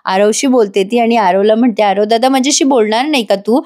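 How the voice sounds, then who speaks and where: A woman with a fairly high voice talks rather quickly, giving a chatty recap of a serial episode in a Marathi accent. She voices every character herself, slipping into their lines with mild emotion. Her lively delivery includes chatty asides aimed straight at viewers.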